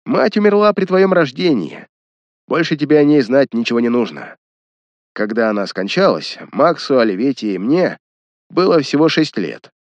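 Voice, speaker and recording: A man's voice: medium pitch, sing-song, normal speed, no room sound, dull audio. A man voicing a cruel, mocking young man who threatens his sister. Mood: scheming. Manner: sneering, menacing.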